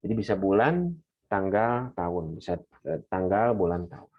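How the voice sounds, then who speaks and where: A man teaching an English class, explaining in a relaxed way and slowing down to model English phrases. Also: sits low. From Indonesia. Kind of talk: online class lecture. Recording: dull lo-fi lecture recording.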